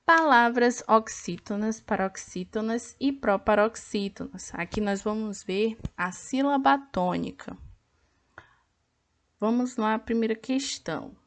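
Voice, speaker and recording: A woman teacher with a Brazilian Portuguese accent, patiently walking pupils through a workbook and sounding out each word clearly. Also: a little high, measured pace. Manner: patient, over-articulates words to count syllables. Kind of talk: slow classroom explanation of an activity book.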